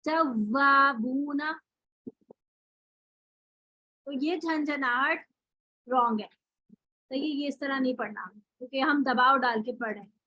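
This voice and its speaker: A woman's voice: high voice, moderate pace, bright, forceful tone, no echo, rough recording. A woman teaching Quran recitation in an online class, explaining rules step by step with rhetorical questions and spoken examples.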